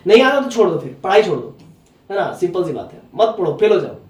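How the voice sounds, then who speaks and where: A man's voice: high-pitched, sing-song, quick pace, darkish tone, reverberant, distant mic. A man with a Jharkhand accent teaching a maths lecture in a blunt, scolding way, with "right?" after nearly every step. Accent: Hindi from Jharkhand. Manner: blunt, scolding, repeats "है ना?" and "ठीक है?".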